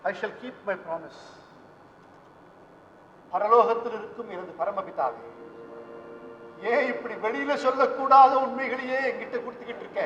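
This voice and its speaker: Soft-spoken fatherly priest, high voice, echoey hall, dull old tape. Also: normal speed, noisy background. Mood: gentle. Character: gentle kindly priest, male, calm. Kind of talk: 1970s stage play. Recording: roomy hall, dull lo-fi old stage recording.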